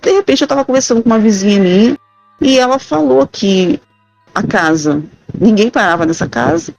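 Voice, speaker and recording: Brazilian woman, middle-aged, fairly high voice, hesitant retelling, dry close sound, soft music underneath. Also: lively intonation, moderate pace, gravelly, no room sound, lo-fi sound. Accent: Brazilian Portuguese. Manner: hesitant, searching for words, many restarts. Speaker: caller sharing a haunting account. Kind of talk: first-person ghost story telling.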